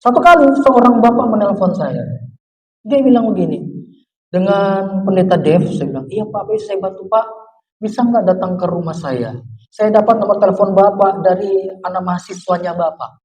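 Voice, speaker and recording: Male pastor, high voice, distant mic, storytelling sermon, lively acted dialogue. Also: moderate pace. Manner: animated, acts out dialogue with sudden loud outbursts. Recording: preacher heard from a distance.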